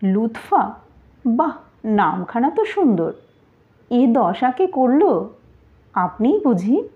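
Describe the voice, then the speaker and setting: A woman's voice: fairly high pitch, very animated, takes it slowly. A woman voicing a haughty, mocking young courtesan who speaks in a teasing, scornful way. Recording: tinny phone-like audio.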